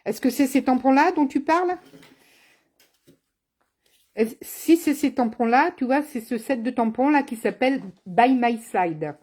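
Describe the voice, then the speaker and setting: Teasing craft lady doing a live tutorial, a bit high pitched, soft warm tone. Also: lively intonation, measured pace. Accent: has an accent, not named. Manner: chatty and teasing, addresses viewers by name. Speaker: craft demonstrator. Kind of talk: live card-making tutorial.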